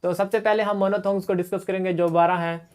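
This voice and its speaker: A woman's voice: mid-range voice, steady tone, quick pace, darkish tone, clear, resonant tone. A woman teaching English phonetics, explaining a pronunciation chart patiently and often checking that students follow. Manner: mixes English words into Hindi.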